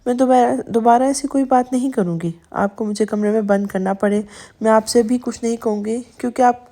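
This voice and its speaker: A woman's voice: on the high side, mellow, lightly acted. A woman voicing a hurt young wife who speaks in a pleading, broken way with trailing phrases. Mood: remorseful.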